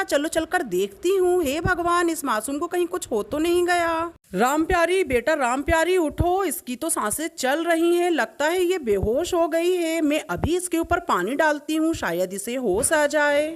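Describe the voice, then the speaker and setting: A fussing old village grandmother, voiced by a woman frets over the family in a high, anxious voice. Her speech stays motherly and protective throughout this doll-story scene.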